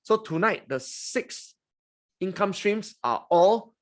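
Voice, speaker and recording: Singaporean man, 40s, webinar host, slightly high voice, teasing, chatty. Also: expressive, slow pace. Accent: Singaporean English. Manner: chatty, teasing, frequent "okay?" and "huh?". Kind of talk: lively finance webinar talk.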